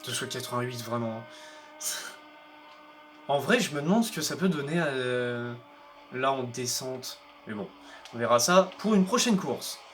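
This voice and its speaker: A young man commentating a racing game, playful and excitable, teasing rival drivers and yelping when things go wrong. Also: a little slow, pauses often, a little hiss or hum. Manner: playful, excitable, talks to rival drivers, bursts of high yelps. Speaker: gaming YouTuber. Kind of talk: let's play commentary. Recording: faint game music behind.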